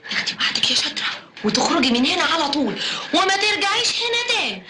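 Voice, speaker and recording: A sly woman in a classic film, coaxing and spinning scary tales in a low, hushed way. Her pitch swings widely. The old soundtrack hisses loudly behind her. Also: big pitch swings, fast, reverberant. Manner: coaxing, mock-scary storytelling. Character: scheming older sister figure, sly and coaxing.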